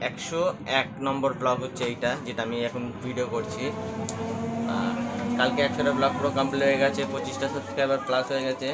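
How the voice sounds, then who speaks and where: A man's voice: mid-range voice, fairly even intonation, quick pace, dull audio. A man chatting casually through his daily vlog, rambling and self-deprecating. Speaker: vlogger.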